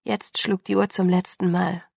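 A woman's voice: lowish voice, flat delivery, normal speed, gravelly, a little mellow, husky, dry recording, clean studio sound. A woman narrating a novel in the first person with intense, breathless storytelling. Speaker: audiobook narrator.

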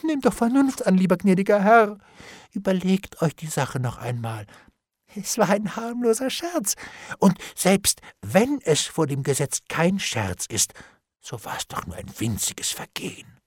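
A man's voice: wildly swooping pitch, unhurried, no room sound, studio quality, heavily acted. Man voicing a whining, terrified bailiff. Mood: pleading. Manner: high, whining and begging, with gasps and whispered prayers. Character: frightened, pleading male bailiff, cowardly and wheedling. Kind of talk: audiobook character reading.

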